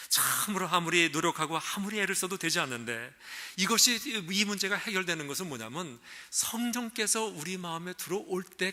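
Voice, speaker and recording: Bright-voiced man preaching a sermon. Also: high-pitched. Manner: earnest preaching with rhetorical questions and storytelling. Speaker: pastor. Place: church sanctuary.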